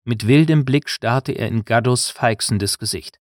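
A man reading an audiobook in measured scripted narration. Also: mid-range voice, no echo.

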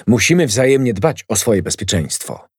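A man voicing an excitable, nosy female neighbour who gushes and fusses over everything. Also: mid-range voice, moderate pace, breathy edge, no echo, clean studio sound. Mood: excited. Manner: gushing, excitable.

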